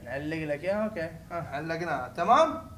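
A young man doing playful, teasing let's-play commentary, often laughing and breaking into shouts. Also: on the high side, lively intonation, rapid-fire, a little hiss or hum. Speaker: gaming video host.

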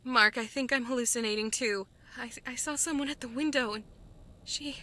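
A woman's voice: fairly high pitch, normal speed, pushed and bright. An actress playing a frightened young woman in a horror game, with a panicky, hesitant manner. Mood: frightened, confused.

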